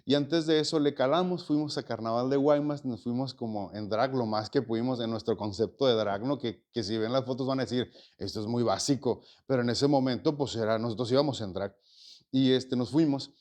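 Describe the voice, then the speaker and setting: A man in his forties from Mexico talks through an interview at an even middle pitch. He is reflective and loose, full of fillers and restarts as he gathers his thoughts. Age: 40s. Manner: reflective, with many fillers and repeated words. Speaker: interview guest, actor and stage producer. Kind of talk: casual interview conversation.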